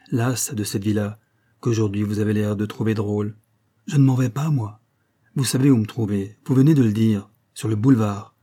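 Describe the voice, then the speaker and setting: A good-hearted young man pleads plaintively in a warm, husky voice, as a male reader plays him. His tone stays earnest and downcast. It is an audiobook reading. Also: fairly low pitch.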